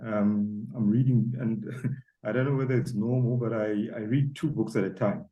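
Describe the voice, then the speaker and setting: A man's voice: on the low side, steady tone, normal speed, dull audio. A man in his forties from Zambia, chatting as a guest author with many ums and uhs. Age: 40s. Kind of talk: casual interview chat. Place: home, South Africa.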